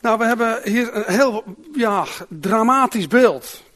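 High-voiced man preaching a sermon. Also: slow pace. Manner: animated, raises voice when reading dramatic quotes. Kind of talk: sermon with prayer and Bible reading. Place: church.

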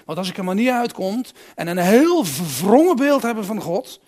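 A man preaching a sermon who asks his listeners direct questions and swings between loud emphatic calls and quiet reflective asides. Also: high-pitched, very animated, moderate pace.

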